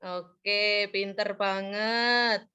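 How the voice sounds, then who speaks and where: Bright-voiced woman teaching a class. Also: medium pitch, fairly even intonation, drawn-out words, smooth. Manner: leaves words half-said for the class to finish; coaxing, praising teacher talk. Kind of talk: practice classroom lesson. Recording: muffled lo-fi recording.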